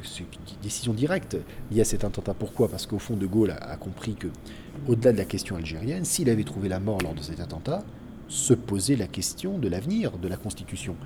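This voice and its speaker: A man's voice: fairly low pitch, lively intonation, fairly quick, background noise. A man giving an informal, explanatory account of history as a narrator.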